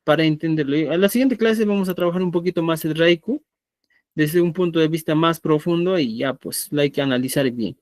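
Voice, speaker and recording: A man teaches Quechua in a live online class, explaining patiently and frequently checking understanding with "¿ya?". His voice is fairly high, fairly quick and a little mellow, with no room sound.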